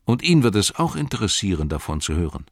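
A man voicing a composed male hobbit who speaks calmly and evenly. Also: sits low, husky, no room sound, studio quality, pitched above the performer's own voice, exaggerated voice. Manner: calm, measured.

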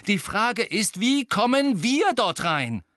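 A man voicing a desperate teenage boy who urges his friends on with loud, urgent outbursts. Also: a little high, moderate pace, no room sound, studio quality, voice pushed up, lightly acted. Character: frantic teenage boy wizard, desperate and shouting.

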